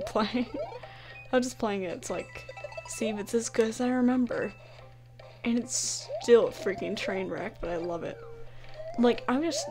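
A woman giving casual let's-play commentary at home, giggly and self-mocking, with frustrated outbursts at the game. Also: medium pitch. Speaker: gaming YouTuber. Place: home at night, keeping quiet. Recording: game music behind the voice.

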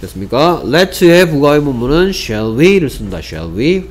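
A man teaching an English grammar lesson, often asking whether students follow and slowly repeating example sentences. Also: on the high side, sing-song. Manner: asks rhetorical check questions, repeats example sentences slowly.

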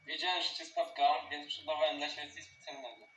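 A woman's voice: low-pitched, little pitch movement, quick pace, fairly bright tone. A woman playing a sly, gleeful male helper who betrays the family in a Minecraft roleplay, talking in a smug, teasing way. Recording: roomy, distant mic, faint hiss.

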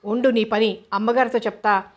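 A woman's voice: a little high, fairly even intonation, brisk, close to an everyday voice. A woman voicing a whiny little boy who cries easily, in a sulky, complaining manner.

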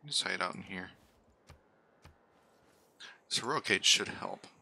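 Deep gravelly man muttering gameplay commentary. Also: slow pace, pushed and bright, dry recording. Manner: mutters running asides to himself and his units; self-deprecating, wry. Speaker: gaming channel host. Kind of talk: casual let's-play commentary.

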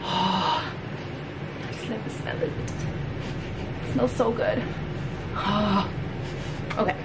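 A woman's voice: mid-range voice, very slow, very noisy. A young woman chatting upbeat while she cooks in her home kitchen, talking through each step of a family recipe. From Filipino heritage family. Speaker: vlogger. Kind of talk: casual cooking vlog.

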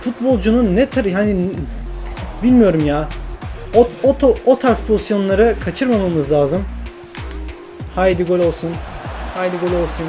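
A man narrates his football video game career into a desk mic, cheering and complaining at every chance. His voice sits high for a man. Game music plays clearly behind him. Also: normal speed, long pauses. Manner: excitable, swears and grumbles at the game, commentates his own play. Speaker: gaming YouTuber.

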